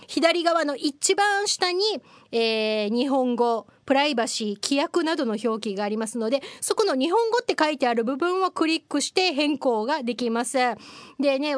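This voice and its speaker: A woman's voice: sits high, no echo. A woman hosting a casual solo news chat, chatty and wry, mixing formal polite phrasing with casual asides and frequent hesitations. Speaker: podcast host.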